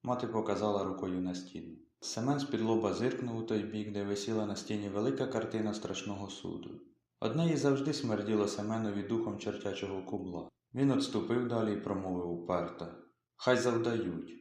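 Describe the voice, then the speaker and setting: A man reading a literary story aloud as an audiobook narrator, in a measured, expressive storytelling manner. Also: on the low side. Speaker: audiobook reader. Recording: very echoey room.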